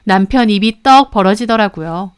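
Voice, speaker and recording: A woman's voice: mid-range voice, moderate pace, clear, resonant tone. Heated Korean woman story narrator. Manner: heated, emphatic. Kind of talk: story narration, first person.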